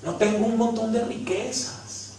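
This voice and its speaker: A man with a Colombian accent preaching, telling funny stories about himself and swinging between hushed and loud. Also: sits high, fairly even intonation, measured pace, slight background noise. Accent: Colombian Spanish. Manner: storytelling, self-mocking, swings from hushed to loud. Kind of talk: humorous sermon. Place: large hall. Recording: very echoey hall, mic at a distance.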